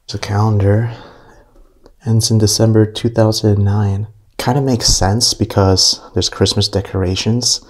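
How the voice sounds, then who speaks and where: Here the vlogger speaks at a measured pace, his voice lowish and level, as he narrates his walk through a derelict mansion. Recorded indoors on a camera mic, he sounds casual, easily impressed, and leans on lots of fillers.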